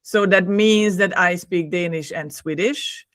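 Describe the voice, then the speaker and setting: A native Hungarian speaker with a Hungarian accent chats enthusiastically as a podcast guest over a video call, laughing often and repeating words. Her voice is lowish and fairly bright, a little slow, and the clean studio sound has no echo.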